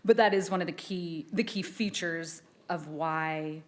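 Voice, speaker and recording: A woman attorney presenting an oral argument in a courtroom, measured and formal, answering the judges' questions with occasional restarts. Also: deep voice. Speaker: assistant attorney general arguing an appeal.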